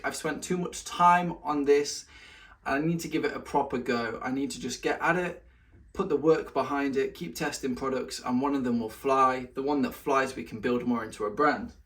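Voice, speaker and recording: A man talking casually to camera in a weekly update vlog, a little out of breath, chatting with a lot of self-talk. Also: fairly bright tone. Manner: chatty, talks to his cat in a high sing-song voice between points. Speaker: vlogger giving weekly update.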